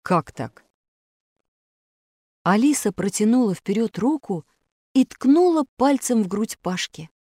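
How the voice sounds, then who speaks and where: Brief: woman storyteller, animated delivery, dry close sound. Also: on the high side, moderate pace, no room sound. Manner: expressive, animated. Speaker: narrator. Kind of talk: storybook reading aloud.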